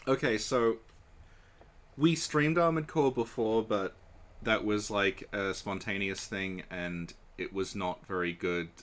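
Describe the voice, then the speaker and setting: A man's voice: fairly low pitch, fairly even intonation, slow pace, fairly bright tone. A man hosting a live game stream, chatting casually in a dry, matter-of-fact way. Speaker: streamer, host.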